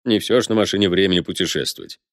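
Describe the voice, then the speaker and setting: A man's voice: sits low, very fast, no echo, studio quality. A man voicing a good-natured male soldier who soothes and jokes in a wry, easygoing way, in an audiobook.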